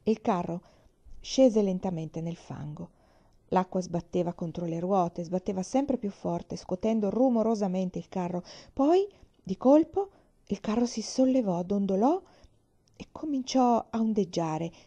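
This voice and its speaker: A woman narrating a children's novel as an audiobook, expressive and measured. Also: medium pitch. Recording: slightly dull recording.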